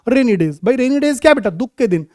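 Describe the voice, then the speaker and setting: A man teaching an exam-prep English vocabulary lesson in a mix of Hindi and English. He talks to his students fondly, calling them "my child", and spells words out slowly, letter by letter. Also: very high-pitched, expressive, darkish tone, dry recording, clean studio sound. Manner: affectionate, calls students "my child" and "beta".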